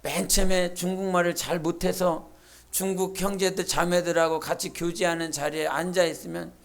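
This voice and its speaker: A woman pastor preaching a sermon in a church, with emphatic bursts, quiet asides and acted-out quotes. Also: on the low side, flat delivery, moderate pace. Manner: acts out quoted speech and imitates sounds. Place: church sanctuary.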